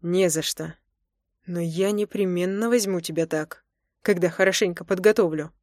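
A woman's voice: fairly low pitch, steady tone, moderate pace, a little mellow, no room sound, studio quality, lightly acted. A woman voicing a playful young husband who teases his wife with an amused drawl in an audiobook. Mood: teasing. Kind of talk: audiobook character voice.

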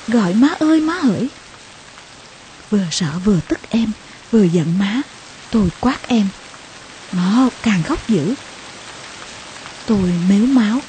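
A woman narrating a memoir audiobook in a slow, soft, emotional way, with passages dropping to a hush. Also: mid-range voice, slight background noise, low-quality recording.

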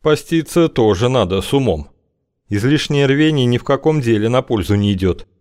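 A man's voice: medium pitch, lively intonation, normal speed, darkish tone, clear, resonant tone, voice pushed up, lightly acted. A man reading an audiobook, voicing a guarded, evasive wanderer with a dry, wry way of talking. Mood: grumbling.

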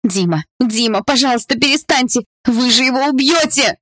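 A man reading an audiobook voices a young woman held captive, hoarse and defiant, shouting insults and pleas. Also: deep voice, normal speed, close to an everyday voice. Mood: terrified pleading. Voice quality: hoarse, hissing. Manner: shouting in anger and fear.

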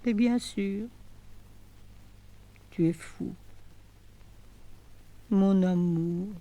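An older actress playing a desperate woman pleading with her departing lover on the telephone, halting and swinging between emotions. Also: medium pitch, dark tone. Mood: despairing. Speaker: actress in a one-woman play. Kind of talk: theatrical monologue on the telephone.

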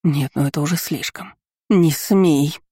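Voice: mid-range voice, a little slow, warm tone, breathy edge, no room sound, clean studio sound. A reader voicing a proud young noblewoman, tense and stubborn, with strained, clipped retorts, in an audiobook. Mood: furious.

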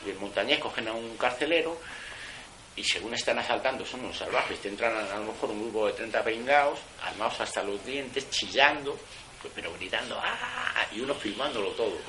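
A lowish male voice moves fairly quickly against background noise. In a casual spoken testimony, this former prisoner animatedly recounts his experiences in blunt, colloquial language thick with slang and swearing, frequently starting his sentences over.

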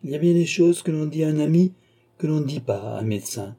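A grave, composed doctor speaks in calm, measured, gentle tones, as a male audiobook reader puts him on. The voice is mellow and a little husky. It sounds like a storybook reading. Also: on the high side, voice pushed up.

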